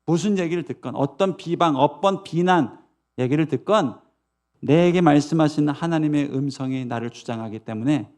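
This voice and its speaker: A man's voice: fairly high pitch, normal speed, darkish tone. A male pastor preaching a Sunday sermon emphatically, with repetition and rhetorical questions.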